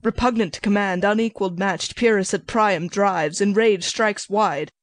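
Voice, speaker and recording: Give me a reader playing a traveling player declaiming tragic verse, mid-pitched, close and dry. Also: moderate pace, no room sound, natural voice. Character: traveling actor, grave and declamatory. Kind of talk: reading a stage play.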